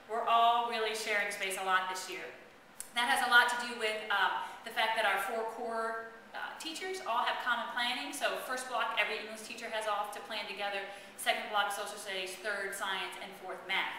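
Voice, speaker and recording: Woman admin talking to students, quick, bright voice, mic far off in a roomy echoey space. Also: on the high side. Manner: direct, earnest, addressing students. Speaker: school administrator. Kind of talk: school announcement to students. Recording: echoey room, far from mic, faint noise.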